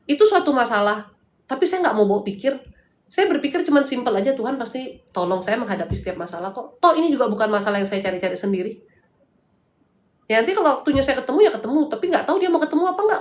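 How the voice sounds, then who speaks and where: A woman from hosting a live spiritual consultation, blunt and chatty, mixing preaching with slangy asides. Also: high-pitched. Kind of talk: casual livestream talk, answering viewers. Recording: echoey room.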